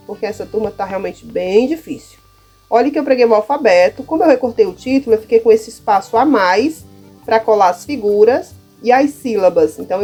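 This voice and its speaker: A woman's voice: mid-range voice, mellow, breathy edge. A Brazilian woman teacher with a Brazilian Portuguese accent, walking through classroom material in a casual, chatty way and often checking in with her listeners. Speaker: primary school teacher. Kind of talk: casual how-to demonstration.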